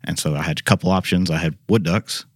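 A man's voice: low voice, fast talker, no room sound. A man talks as an expert guest. He explains things informally, in everyday conversational words, in a dry interview recording. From Arkansas, United States. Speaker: guest expert, university biologist and teacher. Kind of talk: casual interview talk.

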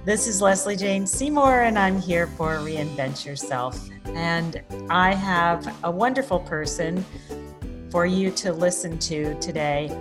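A woman's voice: on the low side, measured pace, music in the background. A woman hosting a podcast interview, introducing her guest in an upbeat, effusive way. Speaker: podcast host.

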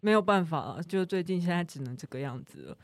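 A woman's voice: lowish voice, very animated, brisk, dry recording, studio quality. A woman with a Taiwanese accent co-hosting a casual podcast, talking through a face mask that slightly muffles her voice. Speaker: podcast co-host.

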